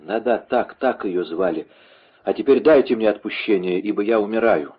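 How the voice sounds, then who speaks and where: A wounded executioner on his deathbed, gasping out desperate pleas in a low, husky voice, put on by a man reading a storybook aloud. The recording is dull and lo-fi. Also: moderate pace. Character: dying wounded male executioner, pleading for absolution.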